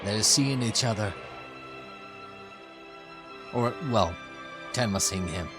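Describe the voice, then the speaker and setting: Streaming his casual reaction to an anime, a man with a lowish voice thinks out loud hesitantly, circling back and repeating phrases, with some offhand swearing mixed in. Soft music plays behind him.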